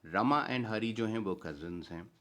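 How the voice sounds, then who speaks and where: A man with an Indian accent teaching a grammar lesson, repeating key phrases and reading English examples slowly and deliberately. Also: on the low side, a bit bright.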